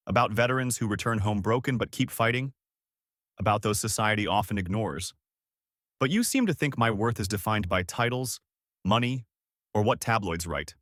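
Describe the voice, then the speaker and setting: A man voicing a dignified young man who answers back in a low, firm, cutting tone. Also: fairly bright tone, dry recording, studio quality.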